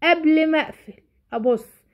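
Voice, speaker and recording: A woman's voice: high-pitched, normal speed. A woman teacher with an Egyptian Arabic accent explaining a lesson, asking herself questions and answering them. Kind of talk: explaining a lesson to parents and children. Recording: dull lo-fi recording.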